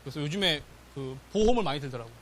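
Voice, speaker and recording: A middle-aged man teaching an exam-prep class, lively and constantly checking that students follow. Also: a little high, very fast. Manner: animated, checks in with "맞죠?" and "됐죠?", acts out quotes. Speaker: real estate exam lecturer. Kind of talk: classroom lecture.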